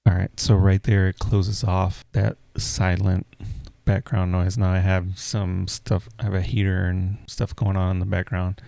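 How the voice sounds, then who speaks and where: A deep-voiced tech host talks a little slowly with vocal fry, offering easygoing, rambling explanations stuffed with fillers in a casual screen-recorded tutorial. He uses a USB desk mic without a pop filter in a home room with the heater on, and there's no room sound.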